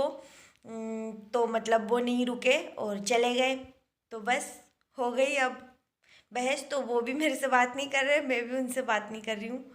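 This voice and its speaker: Young woman, high pitch, casual rambling vlogger talking at home. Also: a bit bright. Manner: chatty, rambling, many fillers. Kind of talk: casual daily vlog.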